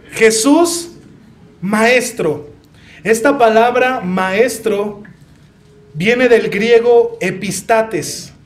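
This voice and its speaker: A young, high-pitched man preaches with a Mexican Spanish accent. His sermon is earnest and personal, and he frequently asks the congregation questions.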